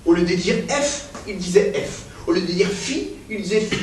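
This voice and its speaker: A grandiose, pedantic professor, played by a man on stage, declaiming with sweeping swings in his rather high voice. He sounds like he is far from the mic in a very echoey theater. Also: animated, moderate pace, darkish tone, slight background noise. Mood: pompous lecturing. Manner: declamatory, insistently repeats "mademoiselle". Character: pedantic male professor, grandiose, increasingly frenzied. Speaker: stage actor. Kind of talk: stage play performance.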